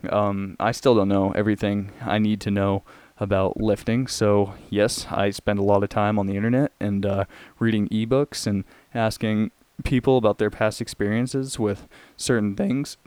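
A young man hosting a casual solo podcast, talking in a rambling, halting way. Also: fairly low pitch, level tone, darkish tone, clear, resonant tone, no room sound. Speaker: podcast host.

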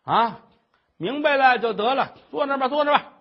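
A man's voice: very high-pitched, animated, brisk, pitched above the performer's own voice, heavily acted. Man playing a blunt older aunt, matter-of-fact, scolding, dull lo-fi recording.

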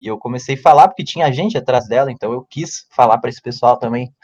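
A man, telling a story in casual podcast chat and acting out quotes in a loud, high voice. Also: quick pace, muffled recording. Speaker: podcast co-host.

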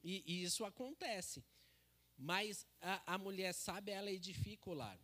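A man's voice: sits high, expressive, moderate pace, sharp tone. A man giving a casual church sermon into a handheld microphone, chatty and joking, with many tag questions. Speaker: preacher.

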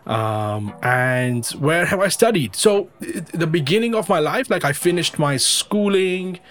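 An English teacher from western India appears as an interview guest, talking casually and rambling, often repeating and rephrasing himself. His voice is fairly high and fairly bright, with lively intonation and a measured pace.

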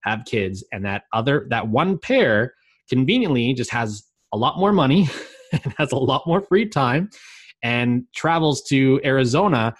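A man's voice: mid-range voice, lively intonation, unhurried, breathy edge, no room sound, studio quality. Chatty man in his late twenties. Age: late 20s. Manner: rambling, lots of "like" fillers, laughs easily. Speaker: podcast co-host. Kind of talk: casual chat.

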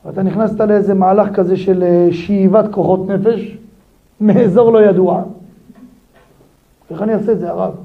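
A rabbi teaching a daily Torah lesson, his voice high-pitched and full of gravelly fry. He talks in a lively way and keeps throwing pointed rhetorical questions at his listeners. The recording sounds dull and lo-fi. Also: long pauses.

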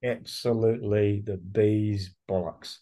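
A man's voice: lowish voice, fairly even intonation, slow pace, warm tone. A man with a New Zealand accent co-hosting a podcast, chatting casually about combat sports in slangy, blokey language. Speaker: podcast co-host.

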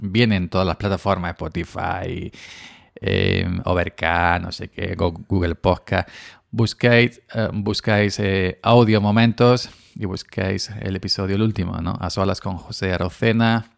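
Podcaster from Andalusia, low gravelly voice, dry close sound, rambling chat. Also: male voice, steady tone, a little slow, no room sound. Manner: rambling, with frequent restarts and chuckles. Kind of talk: casual monologue.

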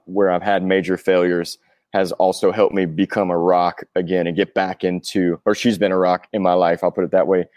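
A deep, darkish voice belongs to a man in his forties, a touring rock drummer guesting on a casual chat where he rambles earnestly and thoughtfully about personal things. The studio recording is clean with no echo.

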